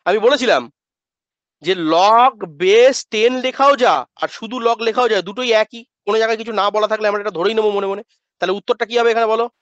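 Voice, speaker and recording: Male math tutor, high voice, lecture delivery, talks back to himself in students' voice, dull close recording. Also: fairly bright tone, no room sound. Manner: asks and answers his own questions in students' voice; drills pronunciation slowly, then speeds up. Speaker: math teacher. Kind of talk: classroom lecture. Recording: dull lo-fi dry sound.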